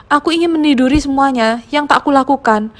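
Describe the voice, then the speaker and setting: A woman's voice: sits high, quick pace, pitched above the performer's own voice, close to an everyday voice. A woman narrator reading the lines of an angry husband in a failing marriage, accusing and heated. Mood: bitter.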